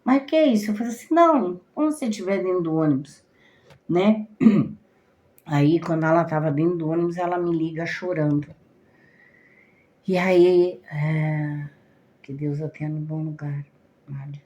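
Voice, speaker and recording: A woman's voice: deep voice, moderate pace, pauses often. A Brazilian woman, a cigana card reader, casually telling her viewers a personal story, with frequent repetitions and trailing off mid-phrase. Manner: animated, repeats herself, trails off.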